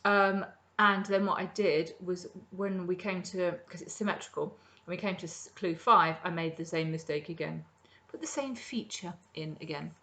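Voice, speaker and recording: A middle-aged woman hosts a crafting podcast from her home kitchen, chatting casually about her projects in a rambling show-and-tell full of ums. Her voice is fairly low with a bright, forceful tone, and she talks at normal speed with few pauses.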